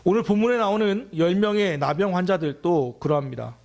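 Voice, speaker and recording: A man's voice: high-pitched, a little fast, darkish tone. A man preaching a sermon as pastor of a church, talking conversationally and asking his listeners many questions.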